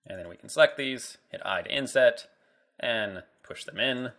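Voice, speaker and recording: A man's voice: medium pitch, normal speed, fairly bright tone. A man walking through a 3D modeling screencast tutorial in a casual way, thinking aloud as he works. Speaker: 3D modeling instructor.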